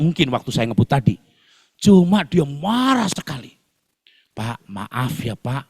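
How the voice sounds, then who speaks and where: Man, pastor, sermon, animated storytelling, wide pitch swings, reverberant hall. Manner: animated storyteller, sound effects, chuckles. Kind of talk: sermon with humorous personal story. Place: worship hall.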